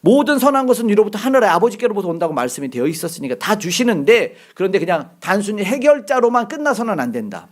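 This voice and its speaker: A middle-aged male pastor preaching a sermon, lively and acting out the voices he quotes. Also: high voice, quick pace, few pauses.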